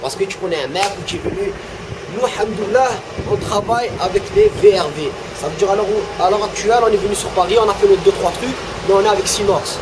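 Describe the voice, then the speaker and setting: A man's voice: high-pitched, fast, background noise. A male rapper talking bluntly and with swearing in a casual interview, then rapping a freestyle. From Algeria.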